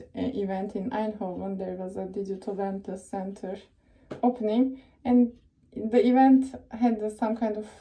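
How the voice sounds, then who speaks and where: On a rough recording, a young woman from Turkey who works in tech rambles through casual career advice in her Turkish accent, with plenty of fillers and self-corrections. Her voice sits on the high side and sounds mellow.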